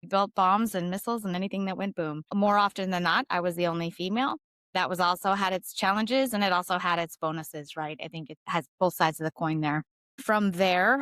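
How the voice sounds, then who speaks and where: A woman's voice: on the low side, a bit bright, dry recording. Candid, emphatic woman in her forties. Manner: candid, emphatic, laughs easily. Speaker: guest. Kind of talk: conversational interview storytelling.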